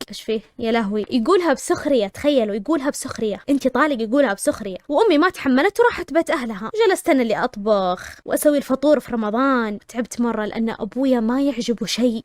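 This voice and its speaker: A woman narrating a first-person story, lively and dramatic, with asides to her listeners. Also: high voice, no room sound, clean studio sound.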